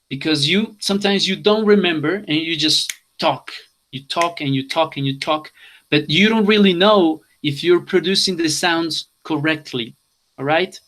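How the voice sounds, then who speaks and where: A man's voice: a little high, fairly bright tone. A man from Colombia teaching an online English class, switching languages and repeating instructions.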